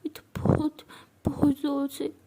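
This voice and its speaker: A woman's voice: sits high, monotone, slow, vocal fry, background noise, full character voice. A woman doing a drunk, clingy girl. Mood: drunk pleading. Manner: slurred, childish whining. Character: drunk young college woman, clingy and tearful. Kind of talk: storybook role-play.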